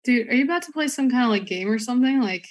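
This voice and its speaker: A woman's voice: a little high, lively intonation, rapid-fire, crowd noise. A woman chatting casually as a player in a tabletop role-playing game.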